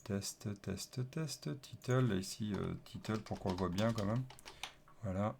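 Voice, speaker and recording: A man's voice: fairly low pitch, unhurried, creaky, background noise. A man talking through a casual coding screencast, thinking aloud as he types, with lots of fillers and repeated okays. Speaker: developer teaching coding. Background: keyboard typing and clicks.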